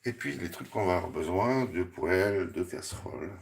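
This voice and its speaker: A man's voice: low voice, animated, normal speed, vocal fry. A man hosting a casual home cooking live stream from his kitchen, rambling and chatting with his viewers and his pets. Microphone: camera on a hanging mount.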